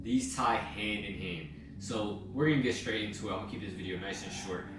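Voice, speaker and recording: A man's voice: lowish voice, brisk, background noise. A young man giving a blunt, slangy, casual self-help talk, swearing freely. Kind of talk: casual motivational monologue. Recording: very echoey room, mic at a distance, music behind.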